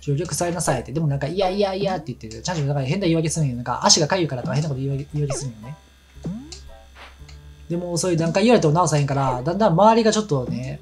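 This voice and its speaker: A man with a Kansai accent rattles on quickly in casual chat while playing a game. His talk is a rambling, chatty stream of stories. Game music plays clearly behind him. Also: a little high. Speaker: let's play commentator. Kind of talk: casual chat over gameplay.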